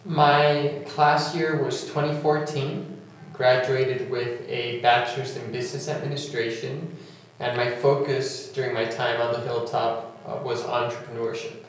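A man's voice: mid-range voice, flat delivery, a little slow. A young man from Nicaragua and Honduras, a university staff member and alumnus, talking earnestly about his school in an oral history interview, with many fillers. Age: young adult. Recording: echoey room with faint hum.

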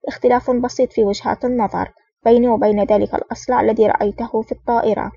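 A woman reading the lines of a stern, terse male secret agent in a curt, commanding manner, in a fast, flat reading voice. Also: a little high, vocal fry, breathy edge, dry recording. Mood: serious. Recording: dull, distant, dry recording.

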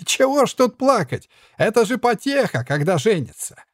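A man doing a shrill mocking jester puppet. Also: sing-song, normal speed, no room sound, studio quality.

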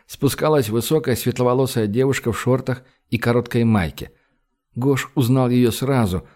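A man reading a novel aloud as narrator, in a steady, measured manner. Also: mid-range voice. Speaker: audiobook narrator. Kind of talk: scripted narration.

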